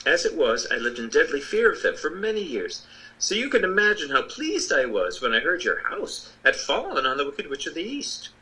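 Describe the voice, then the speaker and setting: A man plays an old humbug wizard from a storybook. The voice is very bright and forceful, swinging freely up and down in pitch. He is kindly and apologetic, explaining himself in earnest. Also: sing-song, moderate pace, breathy edge, full character voice, low-quality recording. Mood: confiding, explanatory. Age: older. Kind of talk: storybook reading.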